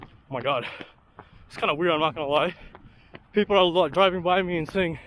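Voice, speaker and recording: A fairly high-voiced man talks into a handheld action camera while out on a cold street run. He is out of breath but upbeat and chatty, and faint traffic and outdoor noise sit behind him. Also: a little fast, a bit bright, rough recording. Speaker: vlogger. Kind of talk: outdoor running vlog.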